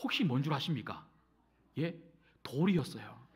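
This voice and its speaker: A man's voice: medium pitch, moderate pace, breathy edge. A middle-aged male pastor preaching a sermon in a church, telling a personal story and speaking straight to the congregation. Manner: animated storytelling, addresses congregation directly. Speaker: senior pastor. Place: church sanctuary.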